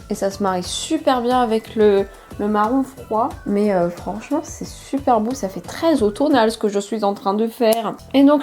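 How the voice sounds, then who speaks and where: With a slightly high pitch and a darkish tone, a young woman talks viewers through her makeup tutorial. She keeps it chatty and casual, gushing happily over the colors as a beauty vlogger.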